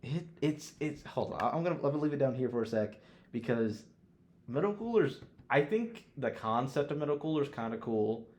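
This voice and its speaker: A man with a medium-pitched, somewhat dark voice co-hosts a podcast, talking at normal speed with lively intonation. He chats offhandedly, using slang and swearing, while ranking anime villains and films.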